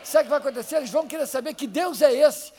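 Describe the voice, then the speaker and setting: A man with a Brazilian Portuguese accent preaching a sermon, swinging from fervent shouting to quiet teaching and acting out Bible stories. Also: very high-pitched, quick pace, slight background noise.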